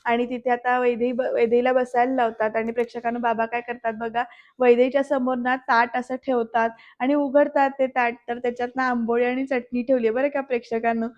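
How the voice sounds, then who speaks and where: A woman's voice: on the high side, flat delivery, a little fast, lo-fi sound. A woman giving a voice-over recap of a serial episode, telling the story scene by scene and often speaking straight to the viewers. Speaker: serial reviewer.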